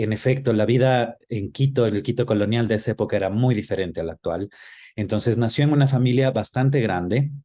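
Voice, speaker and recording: A middle-aged screenwriter and filmmaker answers interview questions in a reflective, conversational way, pausing to think and adding little checking tags. His voice is mid-range with a dark tone.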